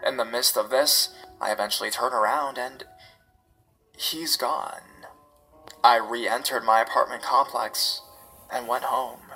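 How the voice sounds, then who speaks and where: A man narrates first-person horror stories in a steady, measured read. His voice is bright and forward, with soft music running faintly beneath. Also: mid-range voice, breathy edge, poor audio.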